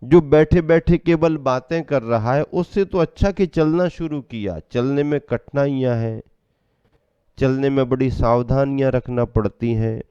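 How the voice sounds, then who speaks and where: Slow, mellow-voiced Jain monk preaching. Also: male voice, mid-range voice, clear, resonant tone, no room sound, highs cut off. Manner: slow, measured preaching with rhetorical questions. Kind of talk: sermon.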